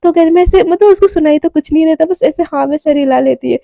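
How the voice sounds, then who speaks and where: A woman's voice: extremely high pitch, quick pace, vocal fry, dark tone, no room sound. A woman telling a story in a casual, chatty way with many fillers.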